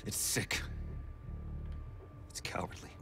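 An actor playing a shaken, disgusted male protagonist in a low-key video game monologue. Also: slow, sharp tone.

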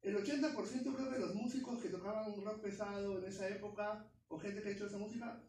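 Man guest speaker, pretty high voice, far off in a roomy classroom. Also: steady tone, quick pace, a little mellow. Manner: explanatory, with fillers and self-corrections. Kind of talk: informal classroom talk. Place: university classroom. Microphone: far camera phone.

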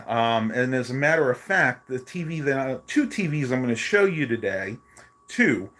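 A male vlogger chats casually on a home live stream from a small bedroom, rambling with many ums while losing his voice. His voice is medium-pitched and fairly bright. He films on a phone held at arm's length, which also serves as the mic.

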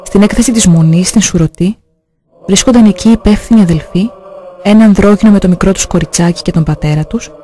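A man slowly and solemnly reading out religious testimonies. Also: sits high, mellow.

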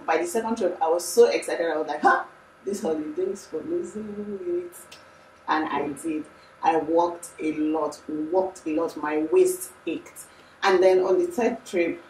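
A young Nigerian woman chats to the camera, lively and emphatic, with a voice that sits a little low. She sounds slightly off-mic in an echoey room, with faint room hum behind her. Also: far from the mic. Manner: chatty, animated, emphatic. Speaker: lifestyle vlogger. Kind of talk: casual talk to camera. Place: room indoors.

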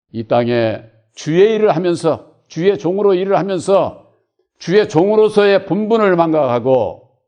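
A male pastor preaching in a church, with a slightly raised voice. He hammers each point, then repeats it softly, and keeps asking rhetorical questions. The recording sounds dull and lo-fi. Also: on the high side. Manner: emphatic repetition with rhetorical questions; swings between loud stress and quiet trailing repeats. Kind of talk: sermon.

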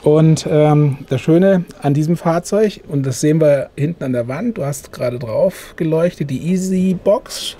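The speaker is a middle-aged sales manager giving a product walkthrough of a camper van for an interviewer, leaning heavily on "ähm" fillers. The clip was captured close up inside the van at a trade fair. His voice is mellow and unhurried, with few pauses.

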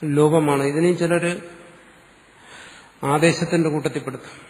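A man's voice: a little high, fairly even intonation, moderate pace, a little mellow, in a large hall. A man with a Malayali accent teaching grammar, explaining step by step and putting questions to the class. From Kerala, India. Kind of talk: classroom lecture.

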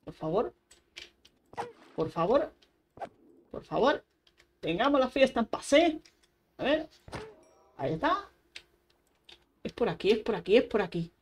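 A young woman talks her way through a Minecraft session at an unhurried pace. She chats to herself with frequent exclamations. Faint keyboard typing and mouse clicks sit behind her voice. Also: a little high, big pitch swings, slight background noise. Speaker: gaming YouTuber. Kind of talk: casual Minecraft gameplay commentary.

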